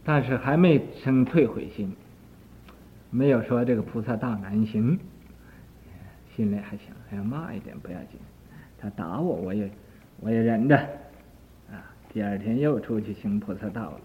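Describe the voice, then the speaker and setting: An older man, a Buddhist teacher, telling a story in a leisurely dharma talk with many drawn-out interjections. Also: lowish voice, a little hiss or hum. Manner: leisurely, repetitive, full of drawn-out interjections, acting out the story's voices. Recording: tinny lo-fi archive tape.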